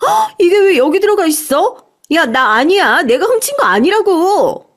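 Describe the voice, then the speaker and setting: A woman voicing a young woman friend who shouts and pleads after being caught stealing, in a storybook radio tale. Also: wildly swooping pitch, normal speed, full character voice. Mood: panicked. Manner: shrill, defensive, then pleading.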